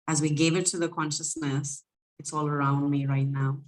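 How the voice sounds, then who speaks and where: A woman spiritual coach guiding listeners in a livestream, speaking softly and emotionally, at times teary, with flowing, repetitive phrasing. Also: deep voice, level tone, moderate pace, rough recording.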